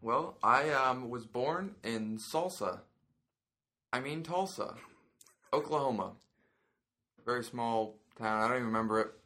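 A young man from Indiana who is training as a chef, chatting as a podcast guest in a relaxed, laughing way with lots of hesitations. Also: mid-range voice, a little slow, long pauses. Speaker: podcast guest, culinary student. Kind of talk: casual chat.

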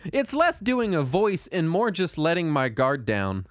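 A man's voice: a little high, huge pitch swings, a little slow, dry recording, clean studio sound. A man, chatting casually as a podcast co-host in a hesitant, rambling way. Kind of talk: casual chat.

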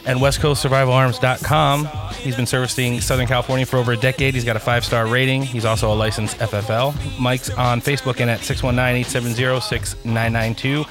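A man's voice: mid-range voice, little pitch movement, fast, few pauses. Male podcast host over music. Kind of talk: casual talk show hosting with sponsor reads.

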